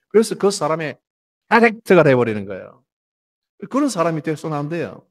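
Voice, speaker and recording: A Korean man preaching a sermon as pastor, acting out complaining voices in his examples. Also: high-pitched. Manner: animated, acts out complaining voices. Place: church.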